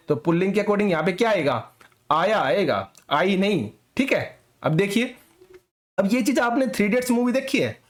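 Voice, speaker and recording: A man teaching an exam preparation lesson, explaining step by step, asking and answering his own questions, and adding frequent checks after each point. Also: sits high. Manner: mixes English words into Hindi. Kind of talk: classroom-style lecture.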